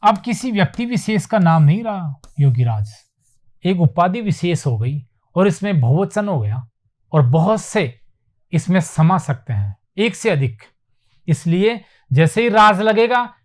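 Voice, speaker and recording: A man with a fairly high voice gives a classroom lesson on spelling. He says each word again and again with slow emphasis, then asks a question and answers it himself. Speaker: Hindi teacher. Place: classroom with whiteboard.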